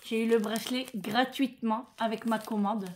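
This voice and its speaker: A woman from France chatting casually to her viewers in a vlog, emotional and expressive. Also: fairly high pitch, moderate pace, slight background noise. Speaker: vlogger. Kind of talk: casual chat.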